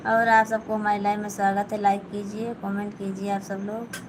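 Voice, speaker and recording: A woman's voice: mid-range voice, little pitch movement, moderate pace, background noise. A woman with an Awadhi-flavoured Hindi accent, hosting a casual live stream from home while she sits and sews, reading out viewers' comments and answering them one by one. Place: at home, sitting and sewing.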